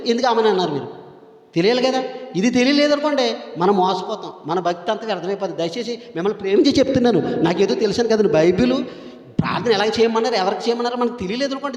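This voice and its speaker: A male pastor preaching a sermon in a church hall, teaching in a conversational way and firing rhetorical questions at the congregation. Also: extremely high pitch. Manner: conversational teaching with everyday examples. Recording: echoey hall.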